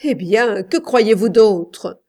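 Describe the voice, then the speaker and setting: A woman's voice: fairly low pitch, steady tone, unhurried, a little mellow, lightly acted. A woman reading aloud voices a defiant wife who answers her husband's questions in curt, cold replies in a storybook reading.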